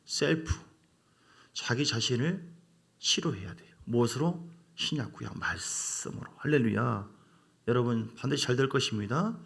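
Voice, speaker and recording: A middle-aged man preaches a sermon with a gravelly edge to his voice. His pitch leaps and dips all through, moving from hushed lines to sudden loud cries. He sits at an ordinary pitch for a man. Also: moderate pace. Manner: animated preaching, swinging from quiet to loud exclamations. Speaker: pastor.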